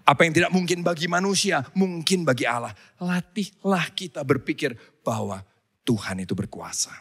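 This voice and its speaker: A male pastor preaching a sermon in a church, telling stories with animated delivery, acting out wailing crowds and leading the congregation in call and response. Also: fairly high pitch. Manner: animated storytelling, acts out crowds with loud wailing cries. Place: church hall. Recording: church hall reverb.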